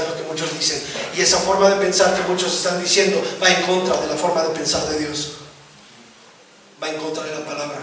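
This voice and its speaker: A man preaching a sermon as pastor, stressing points and often adding "¿verdad?" to check on his listeners. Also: fairly high pitch. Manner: preaching with rising emphasis and frequent "¿verdad?" asides. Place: church hall. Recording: echoey room, distant mic, noisy.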